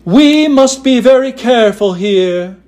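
A man voicing a kind-hearted woodman who speaks gently and cautiously. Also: very high-pitched, expressive, a little slow, pitched above the performer's own voice.

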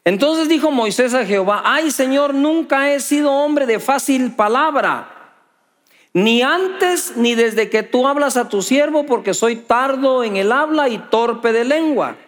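An older man preaching a sermon as pastor, animated, acting out Bible dialogues in changing voices. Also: very high voice, measured pace.

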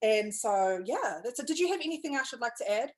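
A woman's voice: on the high side, animated, a little fast. A young woman hosting a podcast over a call, chatting in an enthusiastic, talkative way and laughing often. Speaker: podcast host. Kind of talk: casual chat.

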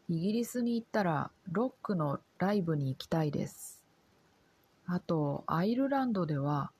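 A woman from Japan, a Japanese teacher, giving a slow scripted lesson in careful, simple sentences for learners. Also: fairly low pitch, husky.

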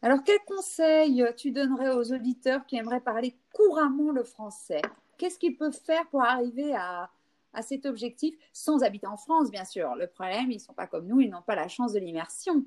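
A woman's voice: on the high side, animated, moderate pace, a little mellow. A woman hosting a casual podcast interview. She agrees with her guest and asks follow-up questions. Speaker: podcast host.

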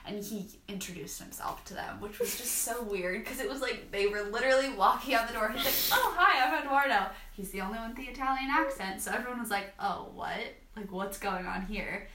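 A woman's voice: fairly high pitch, bright, forceful tone. A young woman chatting casually and telling a party story with lots of giggling. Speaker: vlogger. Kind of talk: casual chat. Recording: echoey room with faint noise.

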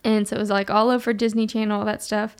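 A woman's voice: mid-range voice, level tone, fast, clean tone. A young woman hosting a podcast, telling stories in a chatty way and using lots of "like" and "you know". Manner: chatty storyteller, many "like" and "you know" fillers. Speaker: podcast host. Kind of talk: casual chat.

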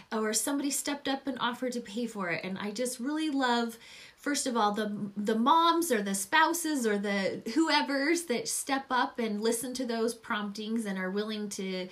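A middle-aged woman hosting a conversational faith-based interview, encouraging and effusive, rambling gently as she goes. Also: on the high side, normal speed. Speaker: podcast host and program coach.

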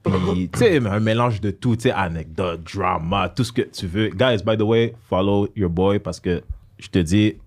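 A man's voice: lowish voice, expressive, normal speed, gravelly. A young man from Quebec in his twenties hosting a casual podcast, mixing English slang into his French and laughing easily. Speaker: podcast host and stand-up comedian.

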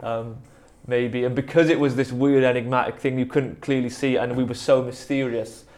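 A man from the South Wales Valleys, speaking with a Valleys accent, rambles through a casual anecdote as an interview guest; he's a musician and producer in a band and keeps putting himself down. His medium-pitched voice is level and darkish, at a normal speed.

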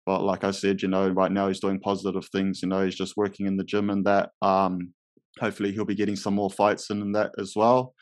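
Low and completely flat, this podcast host's voice moves fairly quickly with no room sound. He interviews a guest in an easygoing way, addressing everyone as bro or brother and using many fillers like um.

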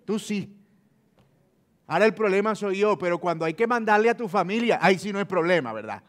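A man's voice: a little high, lively intonation, moderate pace, lightly acted. A man voicing a defensive, sarcastic husband in a money argument, full of indignant retorts.

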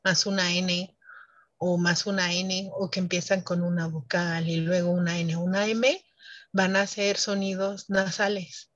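A woman's voice: fairly low pitch, little pitch movement, measured pace, fairly bright tone, no room sound. Woman, French teacher, emphatic explanations, dry dull recording. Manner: explanatory, emphatic, laughs often. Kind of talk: interview conversation.

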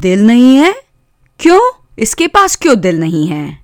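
A woman voicing a blunt, teasing boy in a lively storytelling voice. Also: on the high side, unhurried, dry recording, studio quality.

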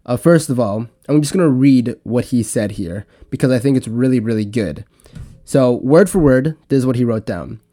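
A young man hosting a casual podcast on his own, talking in a relaxed, rambling way with frequent restarts. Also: mid-range voice, moderate pace. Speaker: podcast host. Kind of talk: casual solo podcast talk.

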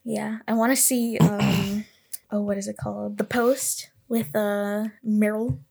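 A woman's voice: medium pitch, steady tone, slow pace, creaky, a little mellow, breathy edge. A woman co-hosting a podcast in casual chat, rambling and correcting herself as she gives vibes-based opinions. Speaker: podcast co-host.

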